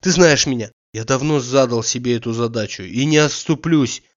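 A man reading the part of an energetic grown man who presses his old friend with urgent questions, in a slightly dull recording. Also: fairly high pitch, moderate pace, close to an everyday voice. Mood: insistent.

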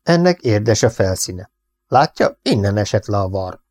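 Brisk vet boss, read by a man: curt, commanding, low and mellow. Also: very animated, dry recording.

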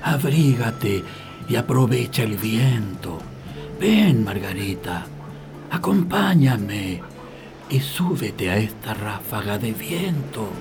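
An actor playing a gentle old grandfather who is part of the wind, calling slowly and mysteriously in a breathy, windy whisper in an audio drama. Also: mid-range voice, big pitch swings, music in the background. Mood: coaxing, gentle. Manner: slow, drawn-out, mysterious calling.

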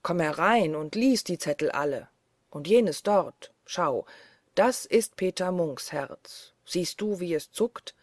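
A woman's voice: fairly low pitch, expressive, slow pace, no room sound, studio quality. A woman reading the lines of a huge, greedy and sly male forest giant who mocks and boasts. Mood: boastful. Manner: mocking, boastful.

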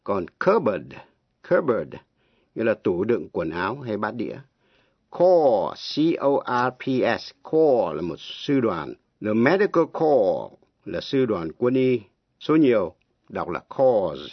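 A husky, low-pitched man teaching on the radio, moving slowly and spelling each word letter by letter. His pitch rises and falls a lot as he stresses syllables. The recording is dry and dull, like an old lo-fi broadcast. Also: big pitch swings, dry recording. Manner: slow, deliberate, spells words letter by letter. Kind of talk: slow radio language lesson.

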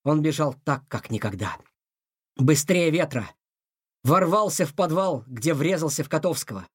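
A man narrating a children's adventure story in an expressive, dramatic reading. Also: a little high, normal speed, husky, no echo, clean studio sound.

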